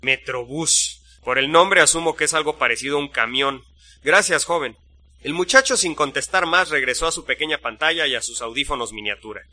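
A male narrator tells a first-person story in a steady, suspenseful way. His voice is very bright and sits a little high. He keeps an even, measured flow as he narrates.

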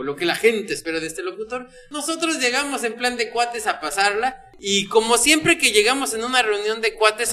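A man's voice: sits high, sharp tone. A man with a Mexican accent co-hosting a podcast, talking candidly and self-deprecatingly in a rambling way. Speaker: podcast co-host. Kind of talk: casual podcast talk.

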